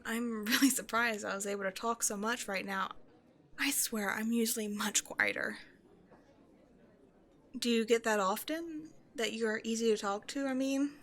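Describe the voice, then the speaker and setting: Here a woman with a slightly high, fairly bright voice speaks at a moderate pace as a bashful, self-doubting young woman chatting one-sidedly and intimately with a stranger. Her mood is nervous and talkative. She hesitates, apologizes, giggles, and overthinks out of nerves.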